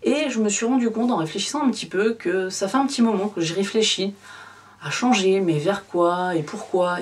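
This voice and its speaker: A woman in her thirties, a photography YouTuber, chats casually straight to camera in a vlog, addressing her viewers informally and using lots of fillers. Her voice is fairly low and a little mellow, and she sounds recorded from a distance.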